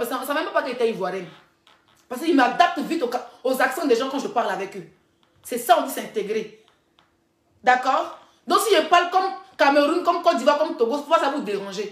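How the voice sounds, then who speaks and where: A young woman from the Ivory Coast, a social media blogger chatting on a live stream, teasing her viewers and repeating herself. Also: sits high. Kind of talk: casual live-stream chat. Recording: echoey room.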